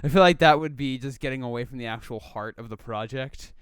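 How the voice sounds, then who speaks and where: A man's voice: medium pitch, a little fast, clear, resonant tone, no echo, clean studio sound. A young man co-hosting a casual podcast, rambling with lots of fillers and crude jokes. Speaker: podcast co-host. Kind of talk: casual chat.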